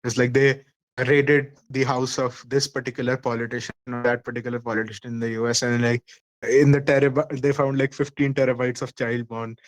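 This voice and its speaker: A man's voice: mid-range voice, level tone, fairly quick. A man from India chatting casually on a voice call, rambling with restarts and swearing. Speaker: discord call participant. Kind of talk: casual chat.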